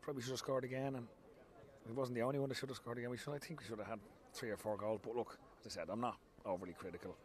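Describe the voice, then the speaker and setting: Irish man, football manager, quick talker, frank post-match answers, handheld mic outdoors. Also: mid-range voice, fairly even intonation. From Ireland. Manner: frank, repeats himself, many restarts. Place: outdoor football pitch at night. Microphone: handheld mic held close.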